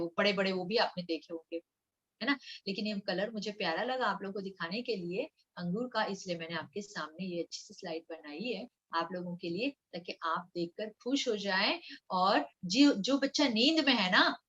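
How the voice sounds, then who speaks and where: Woman teacher, sing-song, coaxing, slow syllable drills, medium pitch, slightly dull audio. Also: pushed and bright. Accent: Mumbai Hindi. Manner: sing-song, coaxing, asks children questions; slow syllable-by-syllable reading for repetition. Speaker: primary school Hindi teacher. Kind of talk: online children's lesson with slides.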